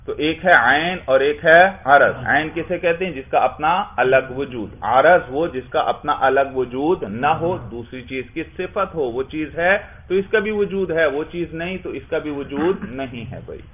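A man's voice: fairly high pitch, few pauses, narrow, tinny audio. Guy giving a lecture, keeps asking questions and answering them, sounds thin like over a phone. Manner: explains with repeated questions and answers, often adds "bhai". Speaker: teacher. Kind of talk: classroom lecture.

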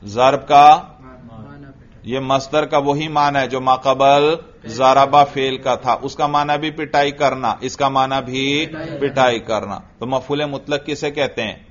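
A man's voice: mid-range voice, steady tone. A male teacher leading a classroom grammar drill, asking questions and answering them himself, chanting the parsing in a sing-song. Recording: dull lo-fi sound.

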